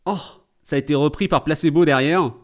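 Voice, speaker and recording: A man's voice: fairly high pitch, a little fast. A man streaming live and doing comedic translation commentary, full of joking, rambling asides.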